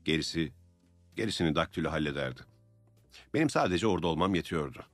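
A man with a very low, deep voice reads an audiobook in steady, matter-of-fact narration. The recording is dry and close, with no room sound. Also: quick pace, dry recording, faint music behind. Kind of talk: scripted narration.

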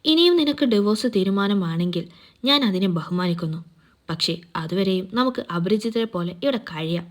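A woman voicing a stern young husband who speaks in a grave, measured, cool way in a read-aloud story. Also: medium pitch, animated, close to an everyday voice.

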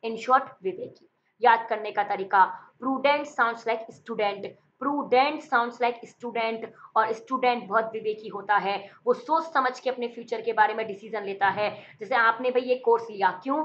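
A female vocabulary teacher with an Indian accent, speaking in a fairly high voice. She reads English definitions slowly and deliberately, then switches to quick, lively Hindi explanations of memory tricks. The recording is somewhat dull and lo-fi. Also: a little hiss or hum. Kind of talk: exam-prep vocabulary lesson with memory tricks.

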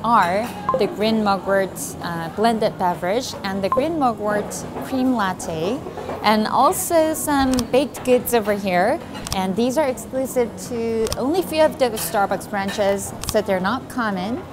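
A young woman in her twenties, speaking at medium pitch and a measured pace, hosts an upbeat travel vlog as she walks through cafes and streets. She's bubbly and exclamatory, gasping with delight, and background music plays.

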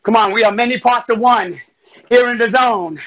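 Breathing hard, a fitness instructor leads a live home workout, counting down reps, calling out moves and pushing people on. His voice is very high-pitched at a normal speed, and the recording sounds muffled. He's energetic, shouting counts and encouragement.

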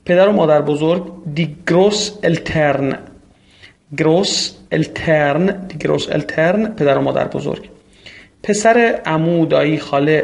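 A male language teacher runs a vocabulary drill, saying each word and then repeating it. His voice sits a bit high and has a gravelly, creaky edge. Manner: says each word twice for learners to repeat.

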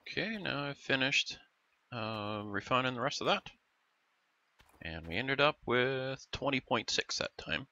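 Narrating his gameplay in a casual let's-play, this Canadian gaming host sounds stuffed up and growly, muses out loud and keeps correcting himself. His medium-pitched voice is expressive and unhurried, pushed and bright. The sound is lo-fi.

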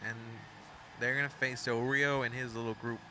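Over a faint hiss in a low-quality recording, a young Mexican fan calls a wrestling game's storyline in loose play-by-play. His voice is medium-pitched, very bright and sharp, yet his delivery is flat and moderately paced as he rambles, self-corrects and adds asides.

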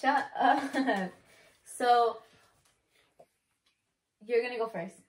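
A woman's voice: on the high side, drawn-out words, slight background noise. A young woman chatting casually as a family vlogger, giggling often and teasing playfully. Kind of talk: casual chat. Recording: echoey room, off the mic.

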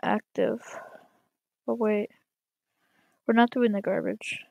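A woman giving excitable live gameplay commentary, reading game prompts aloud and calling out to other players. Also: a little high, slow, gravelly, no echo, lo-fi sound. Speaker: gaming channel host.

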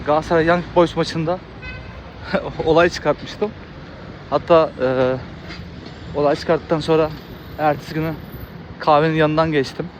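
Chatty man rambling outdoors, slightly high voice. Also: a little hiss or hum, rough recording. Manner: chatty, laughs often, many fillers and restarts. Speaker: video creator. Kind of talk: casual rambling monologue.

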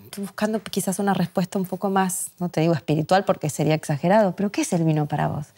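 A woman's voice: lowish voice, fairly even intonation, quick pace, warm tone, husky. A woman hosting a TV studio interview, asking curious, informal questions and repeating words as she starts. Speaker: TV interview host. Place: TV studio set.

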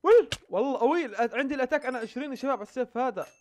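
A young man giving excited commentary over gameplay as a gaming YouTuber, repeating words and yelping whenever danger comes. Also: very high-pitched, very fast, slight background noise.

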